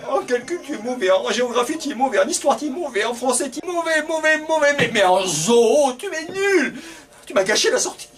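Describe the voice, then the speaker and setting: A strict female schoolteacher, voiced by a male storyteller, high-pitched and exasperated, scolding her class. The voice sits far from the mic. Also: very animated, fairly quick, fairly bright tone, full character voice.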